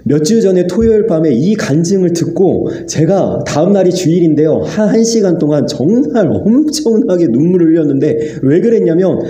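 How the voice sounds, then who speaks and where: A man's voice: fairly high pitch, expressive, moderate pace, hardly any pauses, warm tone. A man preaching an earnest sermon as pastor, acting out prayers and God's replies. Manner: earnest, acts out dialogue with God. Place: church sanctuary. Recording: echoey church hall.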